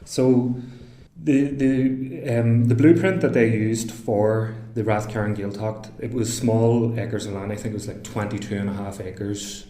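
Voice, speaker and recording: A man with a Northern Irish accent, a historian talking through his research in a casual interview, pausing often with fillers and restarts. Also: fairly low pitch, fairly even intonation, dark tone, reverberant, poor audio. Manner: thoughtful, with frequent fillers and restarts. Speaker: historian guest.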